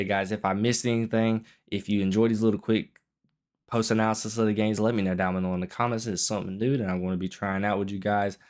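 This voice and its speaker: A young man with a somewhat low voice talks through a football game like a casual vlogger. He keeps his delivery restrained, as someone quiet at night while the house sleeps. He often circles back to repeat a point in slightly different words. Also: clear, resonant tone. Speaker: sports vlogger.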